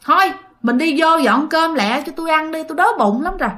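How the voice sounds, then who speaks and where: A woman's voice: high voice, lively intonation, fast, fairly bright tone, voice pushed up. A woman with a Southern Vietnamese accent voicing a brusque husband who talks curtly and dismissively.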